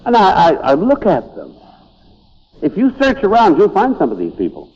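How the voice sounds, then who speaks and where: A man's voice: sits high, wildly swooping pitch, normal speed, a little mellow, breathy edge. A man giving an inspirational lecture to an audience in a hall, emphatic and driving home points by repeating words. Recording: dull lo-fi recording with long hall reverb.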